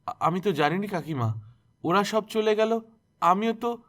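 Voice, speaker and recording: A man's voice: on the high side, very animated, fairly bright tone, voice pushed up. A man voicing a frightened young village girl who stammers. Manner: halting, stammering.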